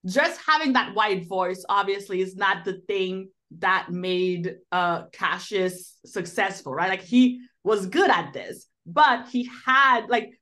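A woman's voice: medium pitch, slow, hardly any pauses, bright, forceful tone. A woman co-hosting a podcast, chatting casually about a film, full of fillers and restarts. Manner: rambling, many fillers like "like" and "you know". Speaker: podcast co-host. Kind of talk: casual film review chat.

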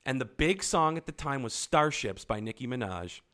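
A young man co-hosting a podcast, telling stories in animated casual chat and swearing often. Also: mid-range voice, moderate pace. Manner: animated storytelling, frequent swearing. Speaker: podcast co-host.

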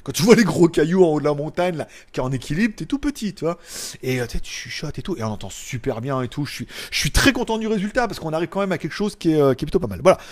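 A man chatting casually on a live stream, reading viewers' comments and joking, loud one moment and mumbling the next. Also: on the high side, expressive, rapid-fire. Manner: loud, jokey, trails off into mumbles and chuckles. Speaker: tech YouTuber hosting a live stream. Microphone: small clip-on mic.

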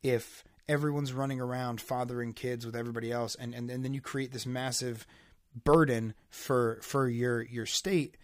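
A man talking casually on a podcast, circling his point with many restarts and fillers. His voice sits at an ordinary pitch. The recording is dry and close, with no room sound. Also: fairly even intonation, normal speed, dry recording. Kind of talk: casual chat.

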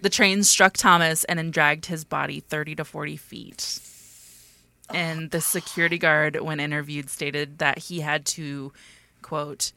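Low-pitched, gravelly woman telling a story. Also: steady tone, unhurried, bright, forceful tone. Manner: laughs often while narrating. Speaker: podcast host telling the story. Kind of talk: casual storytelling chat.

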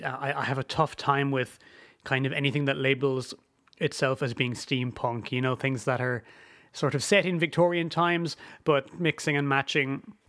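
A man's voice: a little high, fairly bright tone, no echo, clean studio sound. An Irish man hosting a podcast as a casual solo monologue, recorded indoors in a wooden cabin. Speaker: podcast host.

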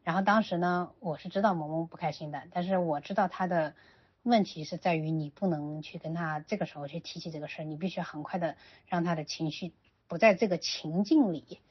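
A woman's voice: lowish voice, brisk, breathy edge. A woman, a parent, telling a parenting story in a casual way, acting out what people said, in a dull lo-fi recording. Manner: retells with quoted dialogue, many restarts. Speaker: parent sharing parenting advice.

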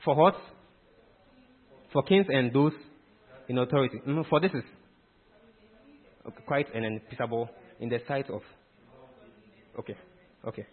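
A man's voice: mid-range voice, unhurried, pauses often. A man preaching a teaching sermon, emphatic and quizzing his listeners with questions. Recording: tinny phone-like sound.

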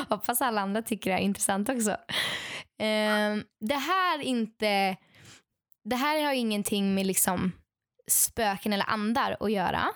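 A young adult woman casually telling stories to a friend, lively and acting out what others said, with many fillers. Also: mid-range voice, dry recording, studio quality. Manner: animated, acts out quoted dialogue; frequent fillers and restarts. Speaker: podcast co-host telling stories. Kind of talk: casual storytelling chat.

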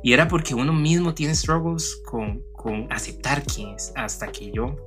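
Young costa rican guy, bright sharp voice, casual podcast chat, spanglish. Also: mid-range voice, expressive, moderate pace, faint music behind. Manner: mixes English words into Spanish, Spanglish. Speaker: podcast co-host. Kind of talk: casual personal conversation.

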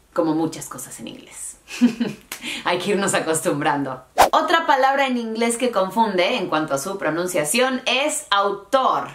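A woman giving a playful, chatty online lesson on English pronunciation, modelling words slowly and laughing at herself. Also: medium pitch, fairly bright tone, reverberant. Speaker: English teacher.

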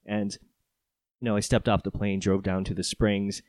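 A young man from Hawaii chats easily as a guest on someone else's podcast. His voice is very low for a man. The recording is dry and close. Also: moderate pace, no echo. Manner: friendly, relaxed storytelling with fillers. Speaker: podcast guest, co-host of his own show. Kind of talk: casual interview chat.

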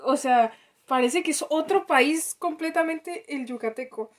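A woman's voice: high voice, measured pace. A young woman with a Mexican accent co-hosting a casual podcast, chatty and laughing often. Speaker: podcast co-host.

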